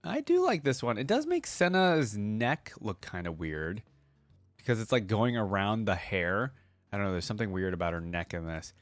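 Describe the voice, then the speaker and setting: Thinking aloud with casual enthusiasm, a male reaction-video creator delivers off-the-cuff commentary. He has a fairly low, sing-song voice at a normal speed, captured dry.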